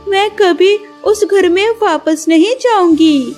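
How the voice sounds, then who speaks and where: A woman voicing a gentle, humble young wife bird in a cartoon, speaking politely and caringly. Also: extremely high pitch, slow pace, soft background music. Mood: resolute.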